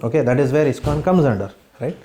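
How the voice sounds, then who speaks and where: A man from Bombay with an Indian accent leads a devotional class in a room in a home, speaking quickly in a mid-range voice with lively intonation, mixing English and Hindi. He constantly checks in with "hmm?" and "right?" and quizzes his listeners. The sound is roomy, with a crowd audible behind him.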